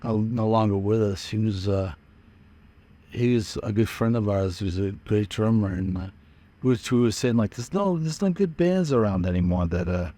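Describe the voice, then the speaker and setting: An older man from Massachusetts talks in a low, mellow voice. He rambles casually through his memories, leaning on fillers and little chuckles as he goes. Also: normal speed. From Manchester, Massachusetts. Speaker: musician interviewed about his early band days. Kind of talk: casual interview reminiscing.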